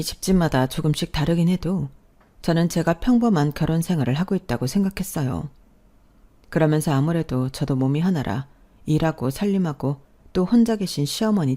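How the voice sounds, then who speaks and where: Mellow woman narrating a confessional drama. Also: low voice, fairly quick. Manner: confessional, regretful; bursts into shouting anger in scenes. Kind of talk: first-person radio drama narration.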